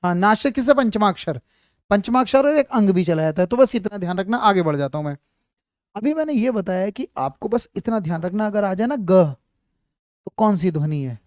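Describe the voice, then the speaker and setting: A man teaches a live Hindi class, walking students through letters and their sounds. His voice is dark and mellow, recorded close and dry with no room around it. He repeats points and keeps asking if the class is following. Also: sits high, expressive, normal speed, dry recording. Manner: repetitive, checks often that students follow; addresses students fondly as child. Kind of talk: live online class, explaining at a board.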